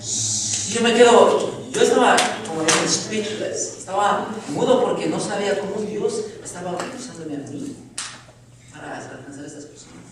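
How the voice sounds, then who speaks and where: A man preaching a sermon and telling a testimony, swinging from loud emotional peaks to hushed appeals. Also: high-pitched, moderate pace. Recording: far-off mic in a very echoey hall with room noise.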